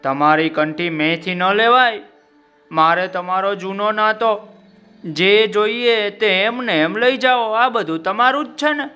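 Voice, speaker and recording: Male narrator plays a generous merchant in a storybook; earnest and unhurried. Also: high voice, pushed and bright, clear, resonant tone, faint music behind.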